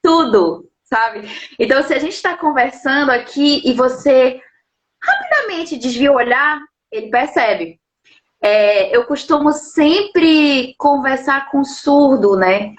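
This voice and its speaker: High-voiced woman explaining patiently. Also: very animated, slow pace. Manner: explains patiently, leans on tag questions. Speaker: sign language interpreter and lawyer. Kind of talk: explanatory live interview talk. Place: at home.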